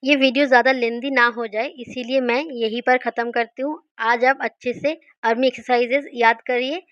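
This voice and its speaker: A woman teaching study mnemonics, repeating key words slowly and asking and answering her own questions. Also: on the high side, fairly even intonation, a bit bright, muffled recording. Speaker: teacher of memory tricks.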